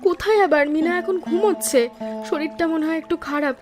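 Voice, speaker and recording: A woman's voice: very high voice, fairly quick. A woman voicing a poor fisherman's wife and mother who talks in an anxious, pleading way. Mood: weary. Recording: music underneath.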